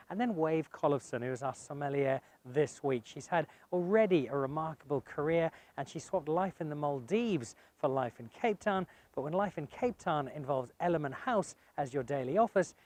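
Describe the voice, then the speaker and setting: A man's voice: on the high side, expressive, normal speed, few pauses, a little mellow. A man hosting a wine show, presenting and interviewing in a chatty, joking way. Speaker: host.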